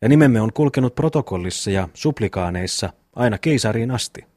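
A man reading an audiobook, voicing a slow, rambling simple-minded peasant brother in a folksy way. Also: on the low side, lively intonation, a little mellow, no room sound, clean studio sound. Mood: musing. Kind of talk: audiobook reading of a classic novel.

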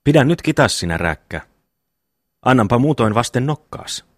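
A man's voice: medium pitch, very animated, husky, no echo, studio quality. A man reading the part of a pious, fretful young brother in an audiobook, scolding.

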